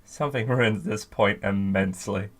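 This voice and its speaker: A speaker giving a commentary rebuttal in a dry, deadpan, sarcastic manner. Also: low-pitched, moderate pace, faint music behind.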